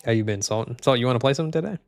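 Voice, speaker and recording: Rapid-fire and creaky, a young streamer's slightly congested voice reads out chat as he plays, with no room sound. He sounds flat and low-energy, calling his own voice boring, while faint game music and typing carry on behind him.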